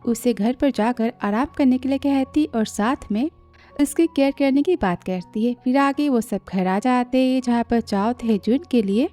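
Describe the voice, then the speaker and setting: A woman narrating a drama recap in a casual storytelling style, brisk and full of filler words. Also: fairly high pitch, warm tone.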